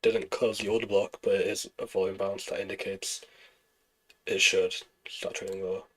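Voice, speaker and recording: Streaming his trading session live, a low-voiced man goes over chart setups and responds to chat, relaxed and explanatory, thinking aloud along the way. He talks at a moderate pace with a slightly rough voice, and the recording quality is low.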